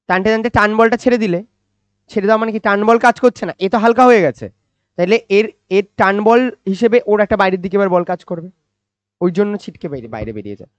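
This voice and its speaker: A man teaching physics, explaining slowly and repeating points, asking questions and answering them himself. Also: high voice, dry recording. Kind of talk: classroom-style physics lecture. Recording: dry, slightly dull recording.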